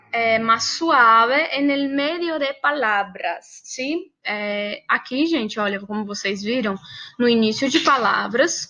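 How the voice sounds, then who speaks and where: Slow, bright Brazilian woman teaching. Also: on the high side. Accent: Brazilian Portuguese. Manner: patient, repeats words and asks for agreement. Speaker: Spanish teacher. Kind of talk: classroom lesson, mixing Portuguese and Spanish.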